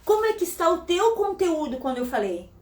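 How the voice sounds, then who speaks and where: A woman hosting a motivational talk for women, speaking fast, loud and very animated. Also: very high voice, echoey room. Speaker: host.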